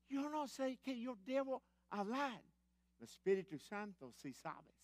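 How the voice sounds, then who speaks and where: A middle-aged man preaching in a halting, Spanish, animatedly telling a personal testimony. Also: sits high, no room sound. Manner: animated, acts out quoted voices, halting grammar.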